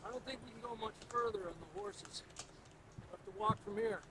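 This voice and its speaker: A man's voice: sits high, steady tone, fairly quick, background noise, natural voice. A man playing a rugged, terse outlaw searching for a comrade in a Western video game, speaking urgently. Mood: terse, wary. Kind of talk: video game dramatic acting.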